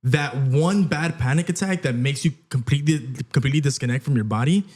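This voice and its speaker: A man's voice: medium pitch, brisk, darkish tone. A young man co-hosting a podcast, explaining ideas reflectively and often checking in with "right?". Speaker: podcast co-host. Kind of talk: casual chat.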